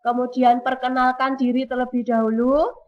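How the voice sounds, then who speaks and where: Woman teacher, online lesson, fairly high voice, repeats key terms, muffled video-call audio, steady hiss. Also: moderate pace. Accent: Indonesian. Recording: dull lo-fi audio with clear noise.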